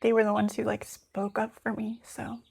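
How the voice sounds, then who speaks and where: A woman with a gravelly, husky voice talks in a loose, rambling way, half reading from notes and half musing out loud. She is frank and unfiltered, tossing in fillers and the odd curse word. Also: a little high, completely flat delivery, moderate pace. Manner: candid, rambling, swears freely; thinks aloud with many fillers. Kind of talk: casual spiritual monologue, reading notes aloud.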